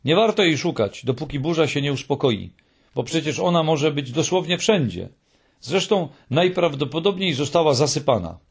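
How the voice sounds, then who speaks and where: A man's voice: a little high, expressive, moderate pace, vocal fry, breathy edge, full character voice. Earnest elderly hamster lady, read by a man. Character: eldest female hamster, earnest and practical. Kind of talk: audiobook reading.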